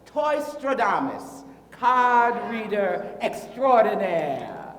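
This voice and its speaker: A man playing a theatrical male fortune teller who reads cards, making slow, deadpan pronouncements in a reverberant hall. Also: sits high, full character voice. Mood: mysterious.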